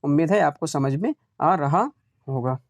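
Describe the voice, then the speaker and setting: A man's voice: fairly high pitch, lively intonation, normal speed. A male teacher leading an exam-prep lesson, repeating words aloud to drill pronunciation and asking questions he then answers himself.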